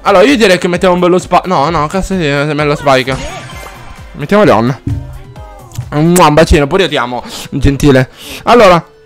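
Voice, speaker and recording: A man streaming a game live, chatting casually and swearing freely at his viewers, with loud exaggerated outbursts. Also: fairly high pitch, normal speed, long pauses, faint music behind. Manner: rambling and profane, chatting to viewers.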